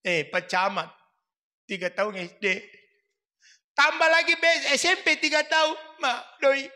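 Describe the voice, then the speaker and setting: High bright-voiced preacher in echoey hall. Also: male voice, big pitch swings, measured pace. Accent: Makassar Indonesian. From South Sulawesi, Indonesia. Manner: storytelling, swaps into voices of mother and father. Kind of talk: humorous sermon with acted-out stories. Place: mosque hall.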